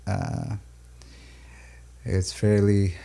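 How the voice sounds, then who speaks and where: A native Urdu speaker from Pakistan and the UAE thinks aloud about his music during a reflective interview. His low, mellow voice has a gravelly edge and little pitch movement, and he speaks slowly, thoughtfully, and haltingly, with frequent pauses, fillers, and restarts.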